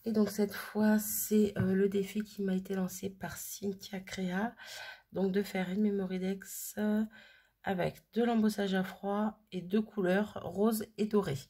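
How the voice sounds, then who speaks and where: A woman's voice: medium pitch, flat delivery, measured pace, mellow, husky. A woman hosting a casual crafting video who chats and thinks aloud with plenty of fillers. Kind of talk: casual crafting tutorial chat.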